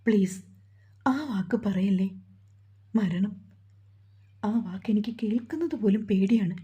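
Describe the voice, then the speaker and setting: A woman voicing a gentle, orphaned young woman who speaks softly and sorrowfully in a romantic storybook. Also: mid-range voice, a little slow, breathy edge, highs cut off. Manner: soft, sorrowful.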